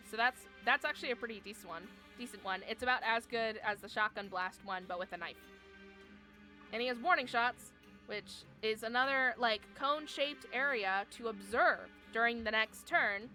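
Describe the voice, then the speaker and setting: Woman streamer, slightly high voice, live game commentary, chatty, explains rules step by step, lots of fillers. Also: sharp tone.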